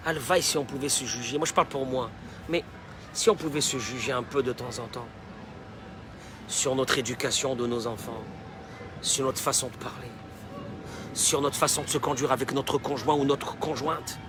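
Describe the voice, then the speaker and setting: A man preaching a sermon as a rabbi, dropping in Hebrew phrases and swinging from quiet talk to shouting. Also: mid-range voice, steady tone, normal speed, pauses often, over music. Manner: mixes Hebrew phrases into his speech.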